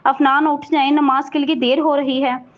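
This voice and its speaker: A woman voicing a timid, gentle young woman. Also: sits high, level tone, moderate pace, natural voice. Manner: soft and fearful. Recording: dull lo-fi recording.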